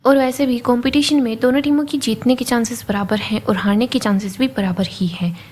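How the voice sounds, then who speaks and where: A young businesswoman reproaches her partner in sharp, clipped lines, as a woman narrator reads her part. The voice is fairly high and slightly husky, with a no-nonsense edge. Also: fairly quick, natural voice. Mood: reproachful. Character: worried young businesswoman, cafe investor.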